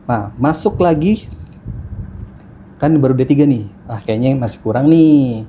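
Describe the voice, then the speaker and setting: A man in his thirties talks through his life story as a podcast guest, stopping often on fillers and restarting his sentences. His voice is mellow and warm. A faint hiss sits under the recording. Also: medium pitch, a little slow. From Jakarta, Indonesia. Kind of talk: casual interview chat. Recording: faint background noise.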